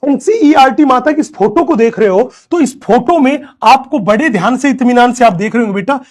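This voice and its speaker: A man from India teaching a classroom lecture, slowly repeating key terms and asking questions that he answers himself. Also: very high voice.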